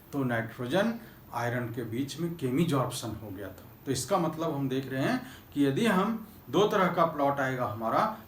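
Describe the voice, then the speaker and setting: Echoey Hindi-accented male chemistry teacher. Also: medium pitch. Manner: calls students "beta", asks and answers own questions; mixes English terms into Hindi. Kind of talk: classroom lecture. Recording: echoey classroom with faint noise.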